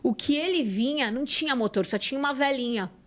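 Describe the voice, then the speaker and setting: A woman with a Santos Brazilian accent, a podcast guest and psychologist, telling a personal story in an animated way. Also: high-pitched, fast. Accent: Brazilian Portuguese, Santos. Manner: animated, acts out quoted dialogue. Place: podcast studio.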